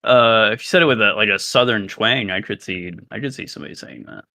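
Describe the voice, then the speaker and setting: Bright, gravelly man joking in voice chat. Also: fairly low pitch, expressive, no room sound. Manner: jokey, self-mocking, quick to laugh. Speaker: gamer in group voice chat. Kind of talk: casual gaming banter.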